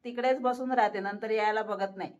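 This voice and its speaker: A woman's voice: mid-range voice, steady tone, fairly quick, darkish tone, dull audio. A woman, chatting to viewers and coaxing her cat at home, laughing often. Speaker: pet vlogger. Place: home, at a door to the terrace.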